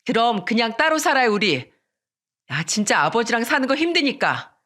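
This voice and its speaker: A narrator voicing a furious young wife who yells back at her husband, shrill and defiant. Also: big pitch swings, moderate pace. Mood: angry shouting.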